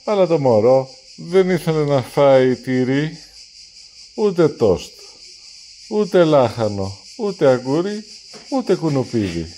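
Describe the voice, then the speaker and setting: A man reading a children's storybook aloud, lively and acting out the characters' lines. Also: a little high, slight background noise. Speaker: storybook reader.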